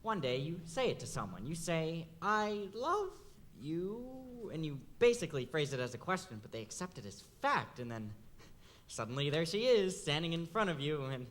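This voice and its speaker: A young man plays a middle-aged theatre fan who talks straight to the audience in a stage musical. His voice rises and falls a lot and sits slightly high, and his tone is chatty and confiding. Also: very animated, a little fast. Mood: wistful.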